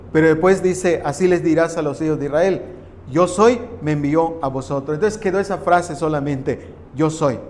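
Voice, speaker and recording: A man's voice: fairly high pitch, a little mellow, slight background noise. A man preaching a sermon as a pastor, building emphasis on key phrases and addressing the congregation directly. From Mexico. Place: church hall. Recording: long reverb in a large hall.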